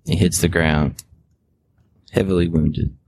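A man running a tabletop game as game master, describing the action in a relaxed way with frequent restarts. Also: deep voice, slow, vocal fry.

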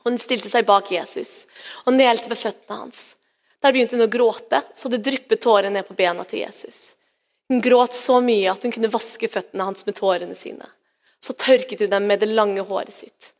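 A woman's voice: medium pitch, fairly even intonation. A woman pastor giving a sermon in a church service, retelling scripture in a personal, conversational way. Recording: long hall reverb.

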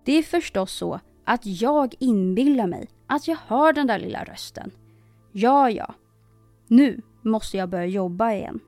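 A woman's voice: a little high, animated, a little mellow, no room sound, faint music behind. A woman voicing an old male carpenter who mutters to himself in a storybook reading. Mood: forced cheer. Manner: muttering, nervous false cheer.

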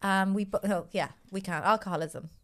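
A woman's voice: medium pitch, brisk, a bit bright. Woman, late 30s, stand-up comic, dry teasing co-host. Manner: dry teasing banter, laughs often. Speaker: comedian co-host. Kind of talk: casual comedic chat.

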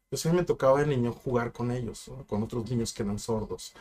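A man's voice: mid-range voice, fast talker, darkish tone. A young man, a sign language interpreter speaking as a guest on a casual podcast, telling stories reflectively with many asides. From Mexico. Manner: reflective storyteller, drops in asides and fillers.

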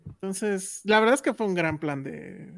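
A woman's voice: mid-range voice, unhurried, vocal fry, dry recording. Woman co-host, dry close sound. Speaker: podcast co-host. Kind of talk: casual film podcast chat.

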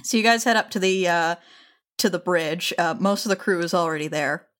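A woman's voice: lowish voice, fairly quick, fairly bright tone. Woman game master narrating a tabletop game.

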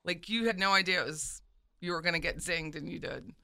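A woman co-hosting a radio show from a studio desk, talking in a lively, emotional way and telling stories with feeling. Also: on the low side, brisk, vocal fry, no echo. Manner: emotional, animated storyteller. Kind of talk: casual radio chat. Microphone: studio microphone.

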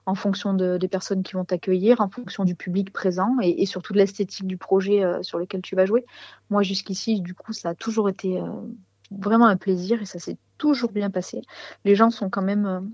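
A woman musician talks casually in an interview, often pausing to search for the right word. Her voice sits at an average pitch. The sound is very dry and a little dull. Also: darkish tone, dry recording. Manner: hesitant, searching for words.

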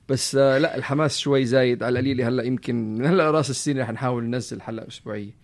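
A man in his thirties with a Levantine Arabic accent, hosting a casual podcast in an animated way, repeating phrases for emphasis. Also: mid-range voice, very fast. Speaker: podcast host. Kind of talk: casual conversational podcast chat.

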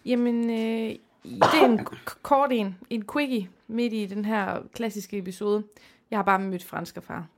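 A woman co-hosting a podcast, telling stories lively with acted-out quotes in a casual chat. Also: medium pitch. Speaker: podcast co-host.

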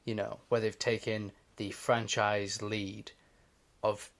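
A man with a slightly low voice co-hosts a casual podcast. He explains his points at length and thinks aloud as he goes. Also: flat delivery, slow, fairly bright tone. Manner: analytical, explaining at length with many fillers. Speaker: podcast co-host. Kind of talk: casual chat.

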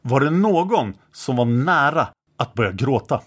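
A man reading aloud the questions of a male investigator who is questioning a child, in a plain, measured way. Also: medium pitch, expressive, fairly bright tone, husky. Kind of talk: reading an interrogation transcript aloud.

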